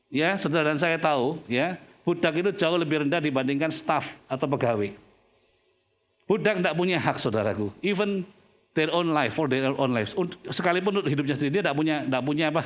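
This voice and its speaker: Male pastor, high voice, animated sermon delivery, slips into English now and then. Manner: preaching, addresses listeners as brothers and sisters, mixes in English phrases.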